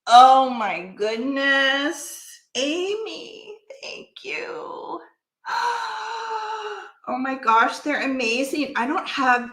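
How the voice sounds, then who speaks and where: A woman chatting excitedly as she opens gifts on her craft vlog, gasping and exclaiming often. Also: mid-range voice. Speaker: craft vlogger. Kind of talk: casual unboxing chat. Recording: echoey room.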